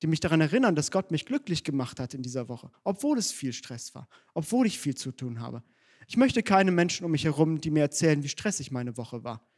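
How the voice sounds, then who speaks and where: Man, pastor, sermon, earnest direct preaching, slightly high voice. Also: sing-song, a little fast, a little mellow, slightly rough. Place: church.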